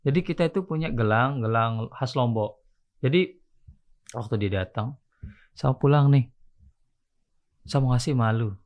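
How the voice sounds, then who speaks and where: A man from Indonesia, a podcast guest, telling his story in relaxed, slangy casual speech and telling it in an animated way. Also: medium pitch, unhurried, long pauses, dull audio.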